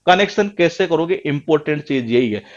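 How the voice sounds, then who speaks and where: A man's voice: on the high side, animated, a little fast, lo-fi sound. A man with a Rajasthani Hindi accent teaching English idioms for exams, asking questions and answering them himself, often repeating words for emphasis. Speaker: English teacher for exam prep. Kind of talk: classroom lecture.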